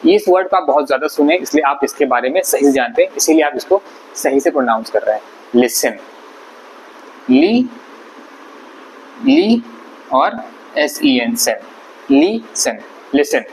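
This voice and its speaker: A man's voice: on the high side, lively intonation, brisk, low-quality recording. A man teaching an English vocabulary lesson, explaining patiently and repeating words syllable by syllable. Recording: faint background noise.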